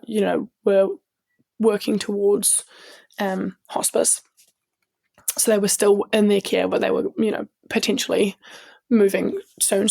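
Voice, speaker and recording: A woman's voice: medium pitch, creaky. A woman with a New Zealand accent, telling stories as a guest in an easygoing interview, earnest and full of restarts. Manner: earnest, with frequent restarts and ums. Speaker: guest, strength coach and sports medic. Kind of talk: casual interview storytelling.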